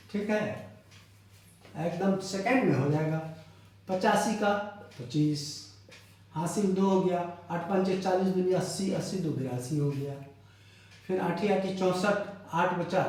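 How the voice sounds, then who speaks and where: A male math teacher talking students through sums step by step and checking in with "okay?" between steps. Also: sits high. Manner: talks students step by step, works sums aloud. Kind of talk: classroom math lesson. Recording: very echoey room, voice far from the mic.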